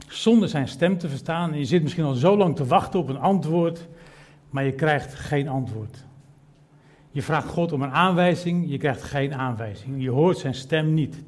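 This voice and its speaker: An earnest male preacher in middle age delivers a sermon to his congregation. His voice sits a little higher than most men's. He speaks directly and personally, sometimes admitting his own doubts. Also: darkish tone. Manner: earnest, addresses the congregation directly, self-deprecating. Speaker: pastor.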